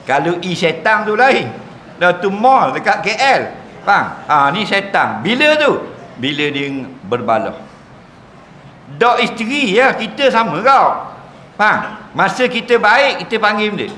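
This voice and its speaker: High bright Malaysian preacher man. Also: very animated, a little slow, slight background noise. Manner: joking, keeps checking "right?" with the audience. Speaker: religious teacher. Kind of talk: religious lecture with Q&A. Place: mosque hall, evening lecture. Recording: echoey mosque hall. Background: audience laughter.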